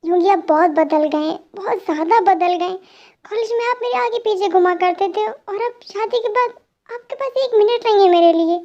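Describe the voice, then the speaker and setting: A woman's voice: very high-pitched, moderate pace, highs cut off. A woman voicing an angry, pregnant young wife who scolds her husband in an amateur fan dub. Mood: scolding. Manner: sharp, sulky scolding.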